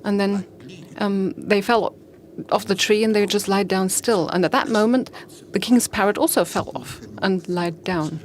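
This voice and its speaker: A woman speaking to a group, easing into a fairy-tale parable at an unhurried pace. She pauses often and drops in small fillers as she goes. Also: mid-range voice, a little hiss or hum. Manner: slow, pausing, with fillers. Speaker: speaker on fasting. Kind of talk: storytelling talk.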